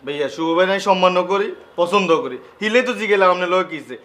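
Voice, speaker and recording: An actor playing a naive, hot-headed young bachelor who pleads defensively, with a Noakhali Bengali accent. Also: male voice, high-pitched, fairly quick, a bit bright. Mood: pleading. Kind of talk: TV comedy drama acting.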